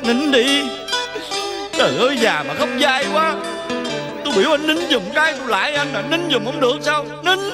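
A man's voice: very high voice, animated, normal speed. A man playing a comic older family friend who chides and lectures, in Vietnamese folk opera acting. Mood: scolding. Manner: chiding and lecturing, half sung. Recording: loud instrumental music behind.

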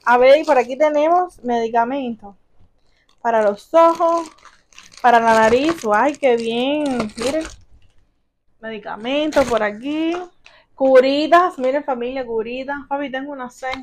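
A woman's voice: high-pitched, measured pace, slight background noise. A young Cuban woman with a Cuban accent vlogging at home as she unboxes gifts, gushing and exclaiming as she keeps calling her viewers family. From Cuba. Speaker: vlogger, mother. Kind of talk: casual unboxing vlog.

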